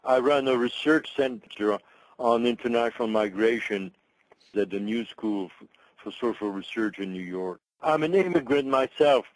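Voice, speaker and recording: With a mid-range voice, an older man from Belgium who researches migration responds to an interview in a halting, reflective way full of restarts. There's no room sound, and the recording quality is rough.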